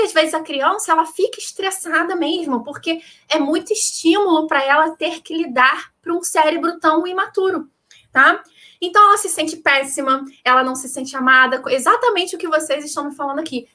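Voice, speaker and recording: A Brazilian woman psychologist with a high, bright, forward voice. She gives parenting advice in an instructive way and often checks in with a quick "right?". Her talk is clear and encouraging. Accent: Brazilian Portuguese. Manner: didactic, frequent checking "tá?" tags.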